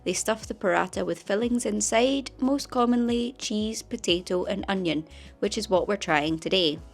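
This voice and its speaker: A woman's voice: mid-range voice, moderate pace, vocal fry, faint music behind. A young Scottish woman narrating her travel vlog in an upbeat, chatty way. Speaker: travel vlogger.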